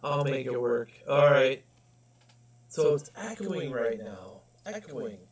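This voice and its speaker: A man's voice: mid-range voice, big pitch swings, slow. A man chatting with viewers on a live stream, his voice hollow and echoey as if inside a barrel. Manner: chatty, talks to viewers in the chat. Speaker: coin roll hunting livestreamer. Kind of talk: casual live stream chat. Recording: echoey and far from the mic, faint noise.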